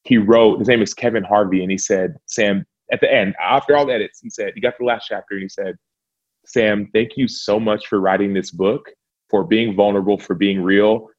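An earnest man co-hosts a podcast, rambling and restarting as he chats. His voice sits on the low side and the audio sounds dull and lo-fi. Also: fairly even intonation, a little fast. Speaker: podcast co-host. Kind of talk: casual chat.

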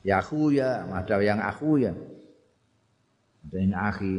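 A man's voice: on the low side, expressive, slow, highs cut off. A man with a Javanese accent giving a conversational sermon, chanting Arabic phrases and then explaining them plainly. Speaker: religious teacher. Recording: long hall reverb.

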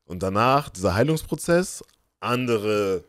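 A young man with a fairly low voice tells stories from his own life in a relaxed podcast chat. He brings every scene to life by slipping into the voices of its characters. The recording is dry and close. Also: unhurried, no room sound. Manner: animated storyteller, acts out quoted voices. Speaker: podcast co-host. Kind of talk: casual storytelling chat.

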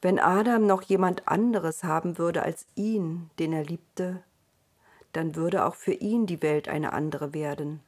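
A woman reading a storybook aloud in a calm, unhurried way. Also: fairly low pitch. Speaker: narrator.

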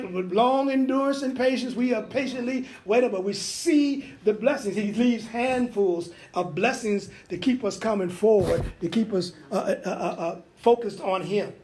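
A man's voice: high voice, moderate pace, hardly any pauses, a little mellow, a little hiss or hum. A man preaching a sermon, peppering it with amens and hallelujahs, folksy asides and acted-out biblical dialogue. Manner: acts out biblical dialogue in changing voices.

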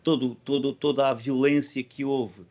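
A man's voice: medium pitch, fairly even intonation, a little mellow. Earnest Portuguese man, slightly muffled recording. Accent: European Portuguese. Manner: earnest, halting with repeated words, slangy. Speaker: band musician being interviewed. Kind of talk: casual interview talk.

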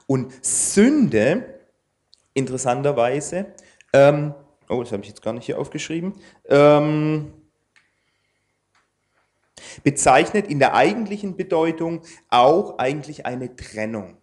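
A man preaching to an audience in a casual, conversational way. He pauses often with fillers and tag questions while he explains his slides. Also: fairly high pitch, lively intonation, a little mellow. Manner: informal, with frequent "ja" and hesitant fillers; speaks to an audience using slides. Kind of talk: conversational sermon.

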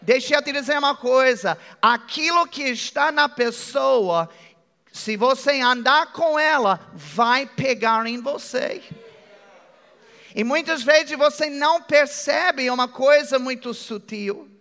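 A middle-aged male pastor with an American accent preaches in a joking, chatty manner. His voice sits very high for a man and sounds bright and gravelly as he draws his phrases out slowly. Long reverb from the church hall trails behind every line. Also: animated. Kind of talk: sermon.

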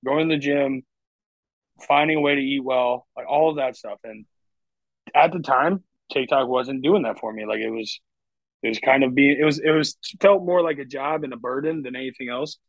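A man in his twenties, guesting on a casual podcast, rambles candidly and leans heavily on "like." His mid-range voice moves at a moderate pace, and the lo-fi recording is dry and dull with no room sound.

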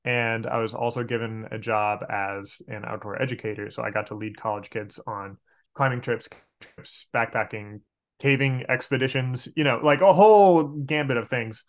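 Here's a casual interview with a podcast guest from Arkansas in the United States, who works as a game master and outdoor educator. He has a mid-range voice at normal speed and keeps explaining and correcting himself while he talks.

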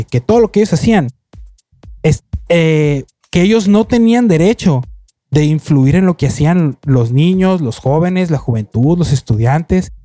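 A man's voice: on the high side, no room sound. A man telling a story in casual chat, rambling with restarts and acting out quotes. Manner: rambling, many restarts, quotes people in lively voices.

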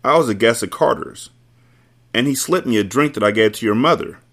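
A man's voice: medium pitch, brisk, a bit bright, close to an everyday voice. A man voicing a grieving adult woman who confesses a killing in an audiobook, with an emotional, pleading manner. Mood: bitter, confessing.

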